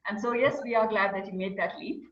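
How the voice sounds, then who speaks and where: A woman's voice: mid-range voice, a little fast, reverberant, highs cut off. A woman interviewer responding appreciatively and passing on a question from the audience. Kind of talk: conversational interview.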